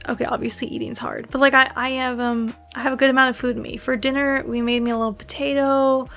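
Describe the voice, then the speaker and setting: A woman's voice: high-pitched, little pitch movement, fast, vocal fry, a bit bright, lo-fi sound, soft background music. A young woman chatting casually to her vlog, groggy and rambling, her mouth sore and swollen after oral surgery. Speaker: vlogger.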